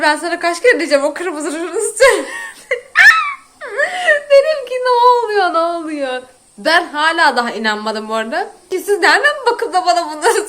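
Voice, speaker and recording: Young woman, high voice, casual storytime vlog, exasperated, laughing rant. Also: fairly bright tone. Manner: exasperated, laughing while ranting. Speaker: vlogger.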